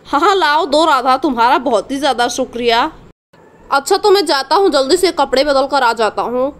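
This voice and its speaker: A woman's voice: high-pitched, normal speed, natural voice. A woman voicing a cheerful village husband. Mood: easygoing. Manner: easygoing, chatty.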